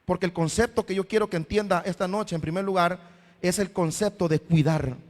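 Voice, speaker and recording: A pastor with a high, slightly fast voice preaches a sermon in a church hall, often addressing listeners as brother and voicing questions he imagines the congregation asking. The recording carries a long hall reverb.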